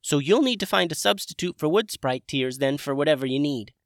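A man voicing a tiny, cheerful female wood sprite with a squeaky voice. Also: animated, fairly quick, dry recording, clean studio sound. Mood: chirpy. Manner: squeaky, chirpy.

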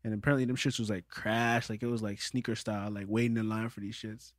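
A man's voice: fairly low pitch, little pitch movement, fast talker, dry recording, clean studio sound. A young man, chatting casually with friends in agreeable, slangy frat-bro talk. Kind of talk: casual chat among friends.

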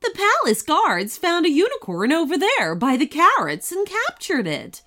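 A woman's voice: very high voice, huge pitch swings, moderate pace, fairly bright tone, voice pushed up, exaggerated voice. A woman voicing a large, nosy female cyclops cook in a storybook reading, chatty but suspicious.

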